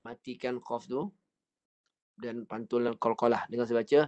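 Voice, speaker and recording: In this online recitation class, the Malaysian-accented teacher speaks at normal speed in a medium-pitched, slightly mellow voice with fairly even intonation. He says each Quran word slowly for students to echo back, over dull, lo-fi audio.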